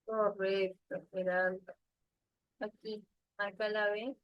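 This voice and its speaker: A woman teacher leading an online class, patiently asking questions and repeating answers slowly over a video call. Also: mid-range voice, level tone, no room sound, lo-fi sound.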